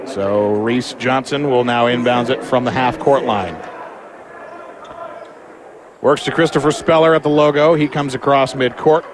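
A man commentates live on a basketball game, play by play. His voice sits at an average male pitch. The noise of the gym, with a bouncing ball, is clearly heard behind him. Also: a little slow, long pauses.

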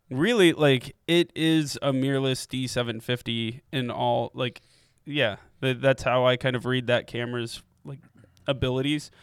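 A man's voice: mid-range voice, clean tone, no echo, studio quality. Laid-back man chatting about gear. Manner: relaxed, rambling, laughs easily. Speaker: co-host. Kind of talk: casual chat about camera deals.

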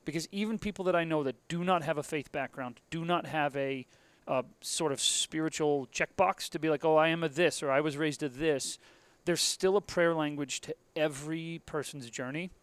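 Higher-voiced American man hosting, dry close sound. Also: moderate pace, clean tone, dry recording. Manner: wry, jokey, rambling. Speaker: podcast host and interviewer. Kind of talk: casual, conversational hosting. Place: basement room of a convention center.

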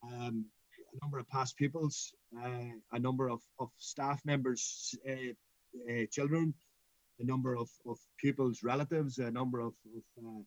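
A man's voice: mid-range voice, steady tone, normal speed, a little mellow, no room sound, lo-fi sound. A middle-aged man with a Northern Irish accent, talking anecdotally in an interview as a coach, emphatic and given to repeating his phrases. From Northern Ireland. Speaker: school football coach.

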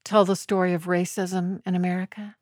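A woman's voice: on the low side, little pitch movement, fairly quick, a little mellow, dry recording, studio quality. A woman hosting a radio interview who asks direct questions.

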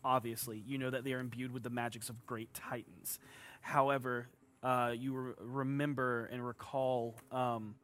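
A man's voice: medium pitch, little pitch movement, moderate pace, fairly bright tone. A man acting as game master, narrating scenes in a tabletop game with frequent filler words.

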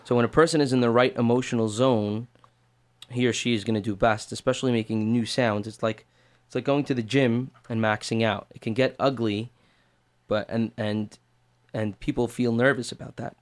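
A man's voice: medium pitch, fairly even intonation, normal speed. A man working as a voice teacher, answering interview questions in an earnest, step-by-step way.

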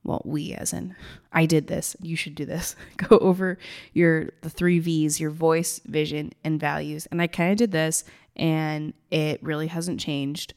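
Low, gravelly woman chatting casually. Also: flat delivery, a little slow, a little mellow. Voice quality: gravelly, raspy. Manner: informal, rambling, chatty. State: tired early-morning voice. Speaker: business coach and host. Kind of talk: casual solo talk to listeners.

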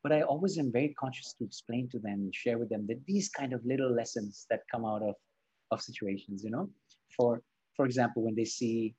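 Husky-voiced man from Spain, earnest. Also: mid-range voice, a little fast, dark tone, highs cut off. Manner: earnest, repeats words, tags phrases with "right?" and "you know". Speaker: podcast guest, transformation coach. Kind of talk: reflective podcast conversation.

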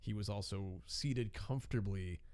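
A man in his thirties chats casually, telling a story with a slightly low voice. He laughs often and drops into put-on voices when he quotes someone. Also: moderate pace, darkish tone. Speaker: podcast co-host telling a wrestling story. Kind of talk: casual chat.

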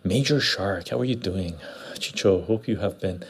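Gravelly low-voiced man on a lapel mic. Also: moderate pace. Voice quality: gravelly, husky. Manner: laid-back, repeats short phrases. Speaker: livestream host. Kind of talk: casual livestream chat, greeting viewers and reading comments. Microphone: clip-on lapel mic into external recorder.

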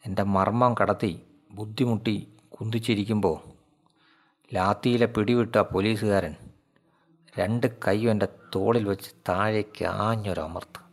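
A male narrator with a fairly low voice reads a story aloud. He takes it slowly and deliberately, letting dramatic pauses hang between lines. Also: steady tone.

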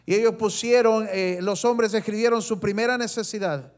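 Male church interpreter with a high voice, quick live sermon interpretation, some stumbles and restarts. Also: steady tone. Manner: quick rendering with hesitations and self-corrections.

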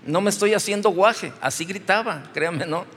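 A man with a Mexican accent, a pastor preaching a sermon in a relaxed, joking, storytelling way. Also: high-pitched, moderate pace, big-room sound, slight background noise. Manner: conversational, joking storytelling from the pulpit.

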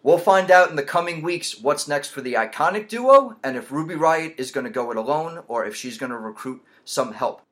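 A man hosting a podcast whose voice sits a little higher than most men's. He keeps the chat moving and steers the panel from one topic to the next in a casual, conversational way. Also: expressive, a little fast, few pauses, a bit bright. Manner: leads the talk, moves topics along. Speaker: podcast host.

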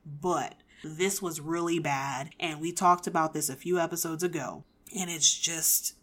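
A woman's voice: low-pitched, fairly even intonation, a little slow, a bit bright. A woman in her twenties hosting a podcast, giving casual pop-culture opinions in an emphatic, opinionated way with frequent restarts. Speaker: podcast host.

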